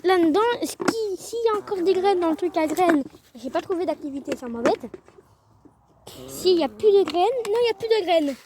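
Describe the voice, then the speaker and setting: A teenage girl talks to her phone in a casual, rambling way, often trailing off and restarting her sentences. Her voice sits high. She records outdoors beside her chicken coop, with faint noise behind her. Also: animated, normal speed. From northern France. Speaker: vlogger. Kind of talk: casual vlog.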